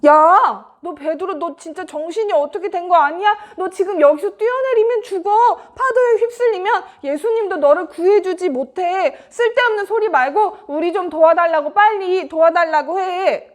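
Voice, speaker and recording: A woman voicing frightened disciples caught in a storm, crying out in high, frantic shrieks. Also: fairly even intonation, normal speed, few pauses. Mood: scolding.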